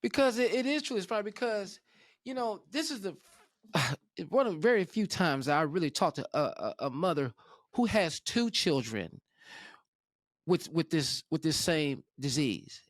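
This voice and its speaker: Animated talk show host, lively voice. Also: male voice, sits high, unhurried, no room sound, clean studio sound. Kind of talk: casual interview chat.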